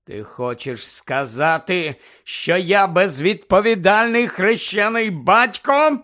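A man's voice: fairly high pitch, measured pace, fairly bright tone. A man voicing an impatient grown man who answers coldly and with restraint. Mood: tense. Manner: cold, clipped, restrained.

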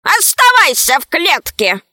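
A woman's voice: extremely high pitch, huge pitch swings, unhurried, sharp tone, no echo, clean studio sound, pitched above the performer's own voice, full character voice. A woman voicing a scheming male priest who runs a trial and gives orders in a storybook reading. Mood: commanding. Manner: commanding, sly.

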